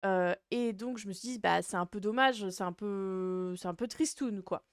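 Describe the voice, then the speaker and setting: A woman's voice: mid-range voice, moderate pace, no echo, studio quality. A woman hosting a livestream in casual chat, with a cute, playful and rambling, hesitant way of talking. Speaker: VTuber livestream host.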